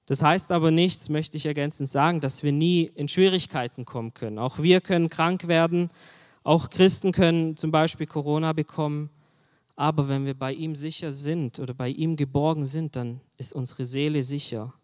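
A man delivers a sermon in an earnest, searching way and keeps turning to his listeners with direct questions. His voice sits a little high for a man. A long reverb trails after his words, as in a large hall. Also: fairly even intonation, moderate pace. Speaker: preacher.

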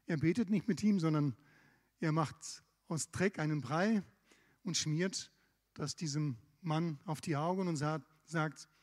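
A man preaches a sermon, retelling a scripture story in his own casual words. His voice sits a little high, and he is heard in a hall with a long, lingering echo. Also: a little slow. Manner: conversational, lively retelling of scripture with asides.

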